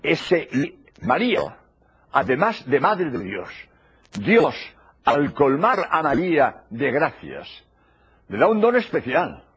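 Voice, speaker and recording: A man's voice: a little high, wildly swooping pitch, slow, fairly bright tone, breathy edge. An older man giving a religious lecture, emphatic and repeating his key phrases. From Spain. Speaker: preacher. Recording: dull lo-fi old tape recording.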